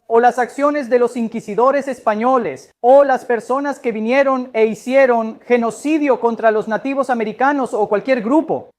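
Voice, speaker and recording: A woman's voice, sitting somewhat high, delivers a dubbed talk as a guest speaker at a church gathering. She explains each point in a measured, earnest way and takes questions from the audience. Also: darkish tone.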